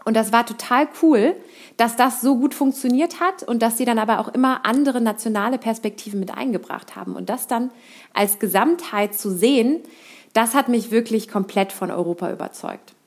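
A woman's voice: fairly high pitch, normal speed. A woman from Berlin speaking as a podcast guest, enthusiastic and casual. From Berlin, Germany. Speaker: guest, lead candidate. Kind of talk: conversational podcast talk.

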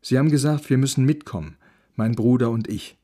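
A man reading a children's novel aloud in a calm, gentle storytelling manner. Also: medium pitch, brisk. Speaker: audiobook narrator.

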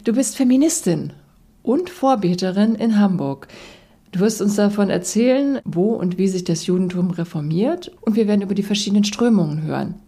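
A woman's voice: medium pitch, animated, normal speed, mellow, husky. A woman hosting a podcast, giving a friendly scripted welcome and asking the guest questions. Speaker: podcast host.

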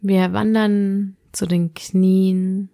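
A woman narrating a soothing sleep meditation like a bedtime guide, in a gentle, unhurried manner with drawn-out phrases. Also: medium pitch, level tone, gravelly, no echo, studio quality. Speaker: podcast host and meditation guide.

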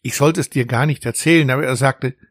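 A man voicing a caring, slightly worried mother in a children's audiobook, speaking gently. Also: medium pitch, fast, no echo, studio quality, lightly acted. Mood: concerned. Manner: gentle, concerned.

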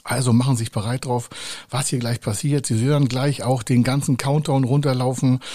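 A man hosts a podcast, addressing listeners in an informal, effusive monologue. His voice is dark and relaxed, with a medium pitch, recorded dry and close. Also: brisk, dry recording. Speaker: podcast host, funding consultant.

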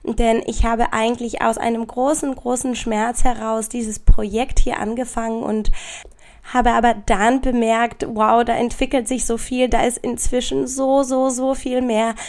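Congested, raspy woman podcast host with a cold. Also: fairly high pitch, little pitch movement, measured pace. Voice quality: raspy, sniffly nasal voice. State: congested, stuffy nose from a heavy cold. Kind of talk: casual solo podcast talk addressed to the listener.

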